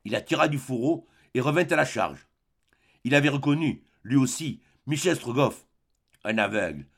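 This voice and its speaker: Gravelly male narrator, mid-pitched, measured dramatic audiobook reading. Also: lively intonation.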